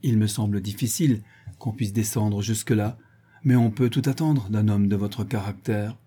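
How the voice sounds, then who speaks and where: A man's voice: fairly low pitch, steady tone, moderate pace, dark tone, husky. A man reading a French audiobook, voicing a relentless middle-aged country lawyer in hammering cross-examination. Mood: stern.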